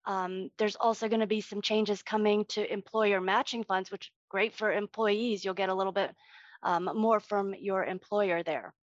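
Halting woman expert, dry and slightly dull audio. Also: mid-range voice, fairly even intonation, no echo. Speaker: financial expert guest on a podcast. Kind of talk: explanatory interview talk.

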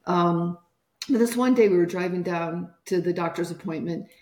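A woman's voice: on the low side, normal speed, a little mellow, roomy sound. A woman guest on a podcast interview, telling a personal caregiving story and acting out the voices of people she quotes.

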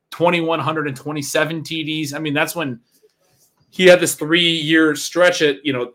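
A man with a bright, forceful voice that sits a little high, talking fantasy football with a co-host. His delivery is quick and chatty, and he laughs easily between points. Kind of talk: casual sports chat.

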